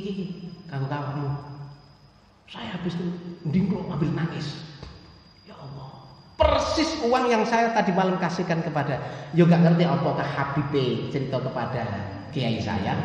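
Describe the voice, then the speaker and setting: A middle-aged man teaches a Quran lesson, telling a story and voicing its characters with a lively, swooping pitch. He is heard from a distance in a large hall with a long, booming reverb. The sound is dull and lo-fi, with a faint hum of room noise. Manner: animated, acts out dialogue in changing voices. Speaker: Islamic teacher.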